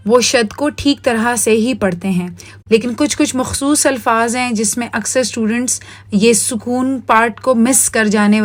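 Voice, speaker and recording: A woman with a Pakistani Urdu accent leads a recorded lesson in a slightly high voice. She explains each point patiently and step by step, and she often mixes English words into her Urdu. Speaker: Quran recitation teacher. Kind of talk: recorded online lesson over slides.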